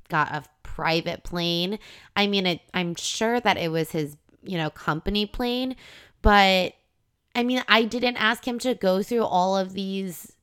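A woman's voice: medium pitch, a bit bright, clean tone. A young adult woman hosting a podcast, telling a personal dating story in a candid, casual way with some swearing. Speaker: podcast host.

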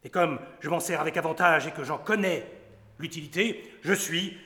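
A man's voice: fairly high pitch, normal speed, sharp tone. An actor playing a pompous, boastful male doctor who lectures, counts out his points and shows off Latin, in stage acting of a classic comedy. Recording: echoey hall with long reverb.

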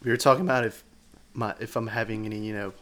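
A man's voice: fairly low pitch, fairly even intonation, fast, fairly bright tone. A man chatting casually as a podcast guest, crude, joking and self-deprecating. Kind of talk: casual chat.

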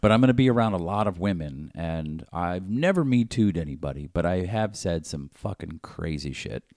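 A man's voice: low-pitched, animated, moderate pace, a little mellow, dry recording, clean studio sound. A man co-hosting a casual talk, joking and rambling with crude language. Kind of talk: casual chat.

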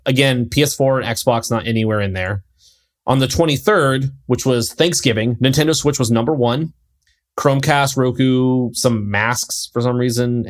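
A young man co-hosting a podcast, talking loosely with lots of fillers in casual chat. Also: medium pitch. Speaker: podcast co-host.

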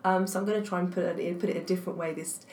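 Speaking as a guest academic, this woman, who is from England and whose first language is French, has a lowish voice and fairly even intonation. Her interview answers are thoughtful but full of ums and restarts, recorded in an echoey room with faint background noise.

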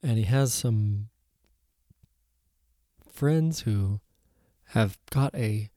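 A man's voice: fairly low pitch, very slow, warm tone, no echo, clean studio sound. A man with a slightly froggy, throaty voice hosting a solo podcast in a casual, musing way. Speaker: podcast host.

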